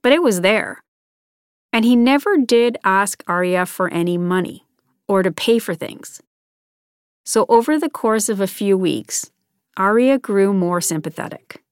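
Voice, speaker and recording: A woman hosting a podcast, giving measured, scripted true-crime narration and interview questions. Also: mid-range voice, expressive, clean tone, dry recording, studio quality.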